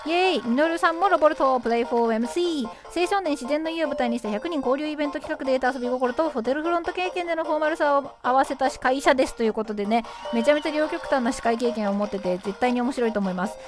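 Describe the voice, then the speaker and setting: Brief: high-pitched woman, live-stream host bantering over background music. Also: quick pace, few pauses. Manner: playful, reads listener comments aloud and quips back. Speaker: livestream host. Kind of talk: casual live-stream chat.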